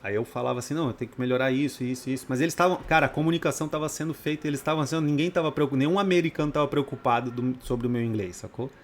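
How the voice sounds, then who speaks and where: Racing along with few pauses, this medium-pitched Brazilian man lectures trading students off the cuff, bluntly and profanely, firing off rhetorical questions. There is slight background noise.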